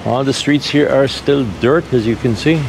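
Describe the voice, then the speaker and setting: A man's voice: medium pitch, normal speed, creaky. Chatty man vlogging on a noisy street. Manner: relaxed, repeats himself, chatty asides to viewers. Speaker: travel vlogger. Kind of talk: casual walking vlog. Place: outdoors on sunny dirt streets of a small island town. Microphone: action camera held at arm's length while walking. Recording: outdoor camera audio with street noise. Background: street and vehicle noise.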